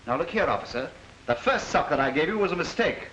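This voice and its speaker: An actor playing a glib, squabbling suitor in a 1930s film, talking quickly. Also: male voice, a little high, expressive, a bit bright, dull audio. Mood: huffy. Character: smooth, squabbling male suitor, fast-talking. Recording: roomy, hissy old film soundtrack.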